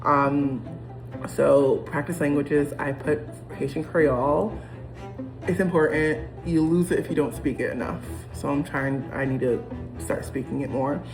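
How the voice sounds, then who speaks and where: This young woman from the United States speaks in a low, darkish voice at a measured pace. She vlogs to camera casually and reflectively, rambling, saying um a lot and restarting sentences. The recording is rough, with music in the background.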